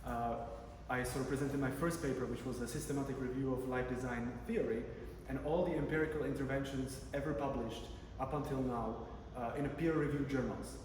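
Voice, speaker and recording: This PhD researcher from the Czech Republic gives a conference talk in a big hall, chatting casually and often restarting or filling pauses. He has a slightly mellow mid-range voice, fairly even intonation, and a somewhat quick delivery with few pauses. Captured from far off, the audio carries echo and ambient noise.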